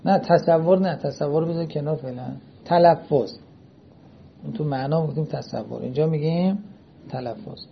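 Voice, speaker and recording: In a lo-fi, dull recording with a little background noise, a man lectures his class in a seminary style. He often checks whether the students follow him. His voice is fairly high-pitched and gravelly.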